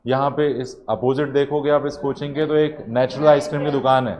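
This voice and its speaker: A man's voice: medium pitch, level tone, a little fast, a little mellow. A man teaching a biology class, drilling points through repetition and frequent check-ins with students. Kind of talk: classroom lecture. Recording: slightly dull audio, faint room ambience.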